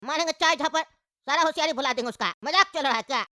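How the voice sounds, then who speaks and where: A woman's voice: sits high, fast talker, pushed and bright, a little hiss or hum. A woman voicing a grumpy, quarrelsome old grandfather in a cartoon, scolding and indignant. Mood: angry. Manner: scolding, indignant, rustic talk. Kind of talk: cartoon voice acting.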